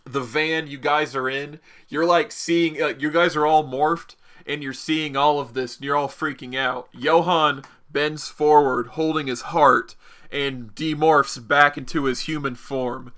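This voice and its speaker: A man's voice: fairly high pitch, fairly even intonation, a little slow, a bit bright. A man game master improvising story narration in a casual, rambling way, often revising his phrases.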